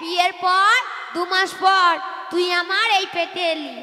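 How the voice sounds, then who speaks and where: A prim, scolding mother, played by a woman on a live comedy stage, very high in pitch. A long hall echo hangs on each word, and loud music plays underneath. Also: steady tone, measured pace. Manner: scolding, correcting. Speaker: stage comic. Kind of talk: live folk-theatre comedy.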